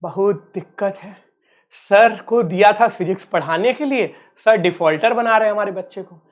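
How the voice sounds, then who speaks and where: A man's voice: high-pitched, moderate pace, close to an everyday voice. A male teacher voicing a student's mother who grumbles and complains about her child's physics teacher. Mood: complaining. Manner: grumbling, fed-up.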